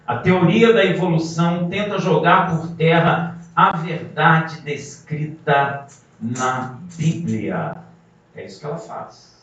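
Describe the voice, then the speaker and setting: A man's voice: a little high, a bit bright. A man preaching a sermon, emphatic and full of rhetorical questions to the congregation. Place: congregation hall. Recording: muffled, very echoey hall from a distance.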